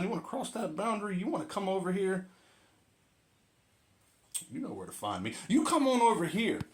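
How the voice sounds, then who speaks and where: A man playing a touchy, stubborn would-be author who argues insistently, in a comic skit of arguing with himself. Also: a little high. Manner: argumentative, insistent, repetitive.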